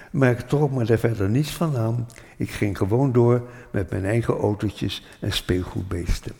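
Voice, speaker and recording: An older man from Rotterdam telling a childhood memory in a thoughtful, unhurried way, pausing with hesitant fillers. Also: medium pitch, creaky, dark tone. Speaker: storyteller. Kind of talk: reflective spoken memoir. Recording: long hall reverb.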